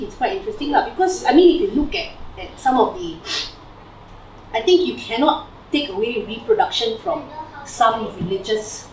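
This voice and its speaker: A young Malaysian woman with a Malaysian English accent and an on-the-high-side voice chats to friends about her PhD research, a slide shown on the TV in her living room. She uses many fillers and tags phrases with "lah" and "right?". Recorded by a far camera across the room, the audio is roomy and distant with faint hiss.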